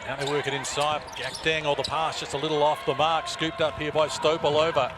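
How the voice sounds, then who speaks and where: A man's voice: on the high side, level tone, brisk. A man giving live play-by-play basketball commentary. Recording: noisy arena broadcast clip.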